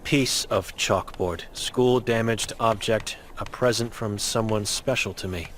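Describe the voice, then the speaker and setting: A man's voice: on the low side, measured pace, fairly bright tone, slight background noise. A man voicing an old blind mute woman in a game, grim and guilt-ridden, speaking in terse, broken phrases.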